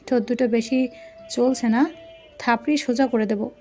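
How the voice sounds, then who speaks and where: A woman's voice: on the high side, fairly even intonation, moderate pace, warm tone, soft background music, natural voice. A woman voicing a hot-tempered, jealous young husband who speaks in angry, clipped threats. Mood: threatening.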